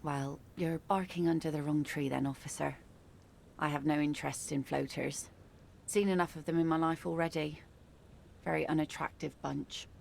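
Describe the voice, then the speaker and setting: A woman playing a hardened middle-aged widowed fisherwoman in a video game, talking like an old sailor, dry, blunt and gravelly. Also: low voice, steady tone, normal speed, a little hiss or hum. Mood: dry, dismissive. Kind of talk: video game character dialogue.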